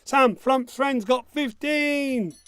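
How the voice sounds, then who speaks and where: High-voiced man quizmaster with a missing front tooth. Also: slow pace, a bit bright, smooth, dry recording. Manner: jokey, self-mocking. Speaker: quiz host. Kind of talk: casual quiz hosting, reading questions and answers.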